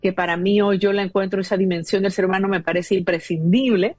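Woman, fifties, husky voice, earnest explanatory talk, dry recording, soft music behind. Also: medium pitch, steady tone, fast talker, dry recording. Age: 50s. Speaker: guest expert on parenting. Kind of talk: conversational advice talk.

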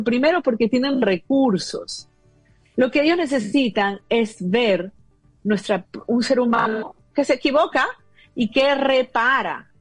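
A woman's voice: a little high, breathy edge, dry recording. A woman in her fifties talking as a guest about parenting, explaining earnestly with many fillers. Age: 50s. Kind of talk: conversational advice talk.

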